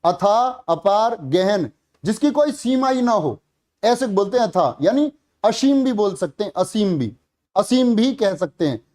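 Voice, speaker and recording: A man's voice: sits high, expressive, a little slow, a little mellow. A male teacher from giving a classroom lesson, repeating each word and asking the students questions.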